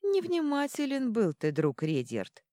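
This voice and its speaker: A woman's voice: on the high side, huge pitch swings, unhurried, dark tone, no echo, studio quality, voice pushed up. A woman voicing a pompous, bearded old male dwarf guild elder who lectures in archaic, long-winded speech.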